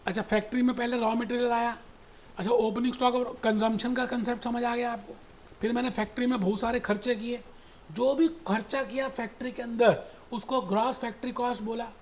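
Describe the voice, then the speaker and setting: A man teaching an accounting lecture, who explains through animated storytelling, repeats his points and addresses students fondly as "beta". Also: extremely high pitch, brisk, slight background noise. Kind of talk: recorded classroom lecture.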